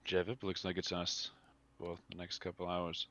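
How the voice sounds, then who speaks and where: A man's voice: deep voice, monotone, normal speed, sharp tone. A man playing a tabletop game who hesitantly asks questions about his character. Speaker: player. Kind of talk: tabletop role-play. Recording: slightly dull sound.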